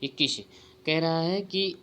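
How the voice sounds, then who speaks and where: Male tutor, exam-prep lecture, bright, forceful tone, asks and answers his own questions. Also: on the high side, slow.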